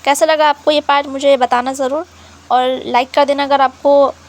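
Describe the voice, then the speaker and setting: A woman's voice: high-pitched, little pitch movement, normal speed. A woman narrating a fan fiction story in a casual, chatty way, mixing in English words.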